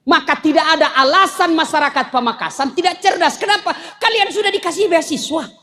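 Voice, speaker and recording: A high-pitched male preacher delivers a sermon laced with jokes. He tells his stories with animated, playful timing, and his voice sits high for a man. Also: a little fast. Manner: animated joking storyteller. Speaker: Islamic preacher. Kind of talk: humorous sermon.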